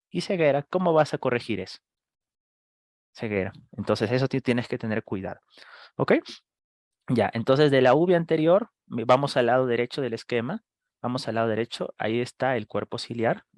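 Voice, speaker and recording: A man teaching a live online medical class, firing quick questions at students and acting out screaming patients. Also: medium pitch, no echo, clean studio sound. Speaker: medical lecturer.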